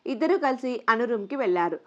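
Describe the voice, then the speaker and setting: A woman storyteller reading a storybook tale in a steady, even way, on a dull lo-fi recording. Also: on the high side, fast. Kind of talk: storybook narration.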